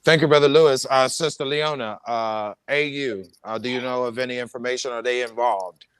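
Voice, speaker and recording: A man's voice: medium pitch, fairly quick, a bit bright, clean tone, dry recording. A man hosting a live online panel discussion, speaking emphatically and repeating phrases in a preacher-like cadence. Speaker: host.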